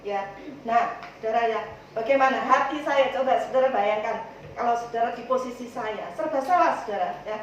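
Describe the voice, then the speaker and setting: High-voiced East Javanese woman pastor. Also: normal speed, slight background noise. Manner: chatty, addresses listeners as "saudara" constantly, acts out dialogues. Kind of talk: church announcements to the congregation. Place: church hall. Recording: echoey church hall from far off.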